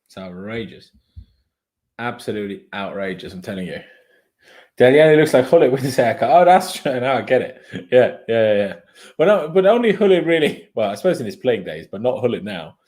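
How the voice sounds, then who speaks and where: He speaks in a darkish, mid-range, sing-song voice, fairly quickly. The young Austrian streamer, a native German speaker, gives chatty, opinionated live commentary on a football game and reads out his viewers' comments.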